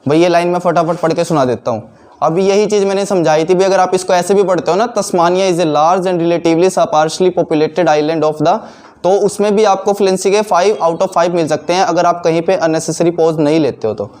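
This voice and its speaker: Male instructor, high voice, quizzing himself as he explains to a class. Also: fast talker, darkish tone. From India. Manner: explains by asking and answering his own questions. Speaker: teacher. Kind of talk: classroom teaching.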